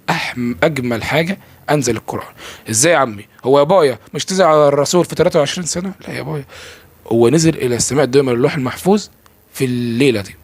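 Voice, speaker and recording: Rapid-fire Egyptian man preaching casually. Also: medium pitch, slightly rough. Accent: Egyptian Arabic. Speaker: religious speaker. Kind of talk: casual religious talk to camera. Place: filming himself indoors.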